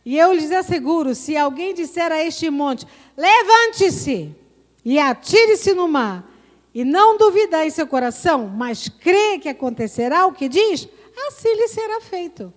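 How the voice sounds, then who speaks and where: Brazilian woman pastor, high voice, emphatic call-and-response sermon, drawn-out scripture readings, long hall reverb. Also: animated. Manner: emphatic preaching with frequent call-and-response prompts; slows and stretches scripture quotes. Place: church service.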